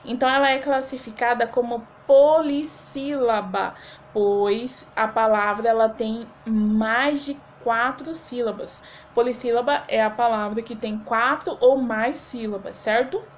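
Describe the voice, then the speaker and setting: A Brazilian woman teacher speaks fondly to young pupils, her voice a little high. She talks slowly and breaks words into syllables, with a faint hiss of noise behind her. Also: steady tone. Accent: Brazilian Portuguese. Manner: affectionate, slow, spelling out syllables. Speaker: schoolteacher. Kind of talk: remote class lesson for children.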